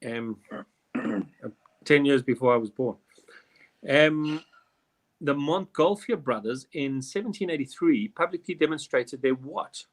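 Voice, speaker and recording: Chatty quiz host. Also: male voice, medium pitch, lively intonation, a little slow, long pauses. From South Africa. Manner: chatty, rambling with jokey asides. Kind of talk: casual live quiz chat.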